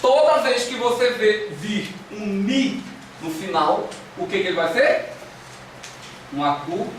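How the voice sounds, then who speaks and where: A man's voice: sits high, lively intonation, measured pace. A man with a Brazilian Portuguese accent teaching a Greek class, drilling students with repeated syllables and coaxing questions. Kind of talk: classroom lecture. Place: classroom with echo. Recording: echoey room, distant mic, faint hiss.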